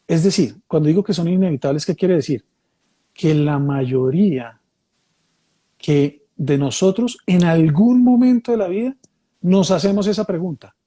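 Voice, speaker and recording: A man with a dark-toned voice on the high side speaks at normal speed while leading a reflective talk. He was born in Mexico, grew up in Colombia, and tends to restate and repeat phrases as he thoughtfully lays out ideas.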